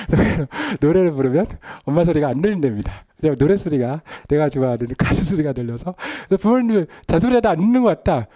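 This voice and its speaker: A man preaching a sermon as a pastor, swinging from loud emphasis to hushed whispered lines. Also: fairly high pitch, no echo, clean studio sound.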